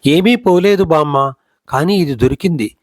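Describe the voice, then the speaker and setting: A man voicing an eager young granddaughter who speaks in a hushed way in a storybook reading. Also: on the high side, normal speed, dry recording, studio quality, close to an everyday voice.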